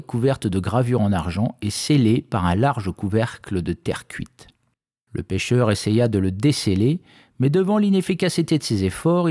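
A man narrating a fairy tale in a measured, expressive reading. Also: medium pitch. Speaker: storyteller.

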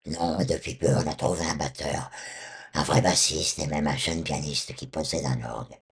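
Older male storyteller; honking, duck-like rasp, extremely low and rough, telling life memories. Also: steady tone, moderate pace. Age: 60s or older. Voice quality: honking duck-like voice, hoarse and rough from removed vocal cords. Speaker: former rock singer, interview guest.

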